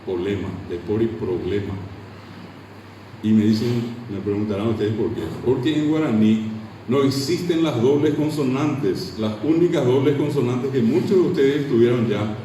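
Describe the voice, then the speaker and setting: A Paraguayan man with a Paraguayan Spanish accent gives a language lecture in a lecture room, questioning the class and drilling sounds aloud. His voice is mellow and medium-pitched at a moderate pace, with slight hiss or hum, recorded from far off in an echoey hall.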